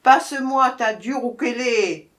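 A furious lioness queen, put on by a woman, raising her pitch and volume to bark slow, heavy threats at the smaller animals. She sounds commanding and menacing, every order landing like a growl in this storybook tale. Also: fairly bright tone. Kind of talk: storybook reading.

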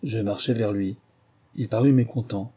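Husky, mellow male narrator. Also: on the low side, fairly even intonation, normal speed. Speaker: audiobook narrator. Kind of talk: scripted narration of a novel.

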